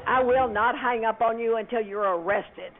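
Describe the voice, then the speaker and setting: A woman's voice: a little high, normal speed, a little hiss or hum. An angry woman in her eighties scolding a prank caller over the phone from her home, indignant and agitated. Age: 80s. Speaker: prank call target. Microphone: telephone. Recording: tinny phone line.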